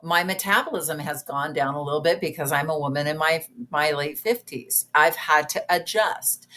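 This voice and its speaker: A woman's voice: deep voice, a bit bright. A woman in her fifties, a weight-loss coach speaking as a guest in a casual podcast conversation, chatty and earnest. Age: 50s.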